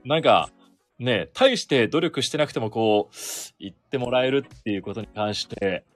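A man's voice: mid-range voice, moderate pace, no room sound, faint music behind. A sports announcer in his thirties hosting a solo podcast, chatting casually and self-deprecatingly about his work. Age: 30s. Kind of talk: casual solo radio-style chat.

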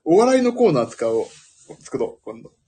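A man talking alone in a loose, rambling way, his voice breathy and very husky. His pitch swings widely as he goes, rising high when excited and sinking low in asides. He laughs at his own jokes. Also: normal speed. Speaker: podcast host. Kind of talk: casual solo chat.

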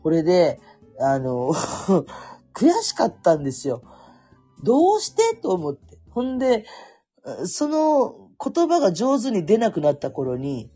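A woman's voice: fairly low pitch, very animated, a little slow, dark tone, breathy edge, soft background music. A middle-aged woman from Kurume with a Chikugo dialect, telling stories in a casual solo podcast talk and acting out the voices she quotes. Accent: Chikugo dialect of Fukuoka. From Kurume, Fukuoka, Japan. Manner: chatty storyteller, acts out quoted voices, laughs often. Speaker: podcast host.

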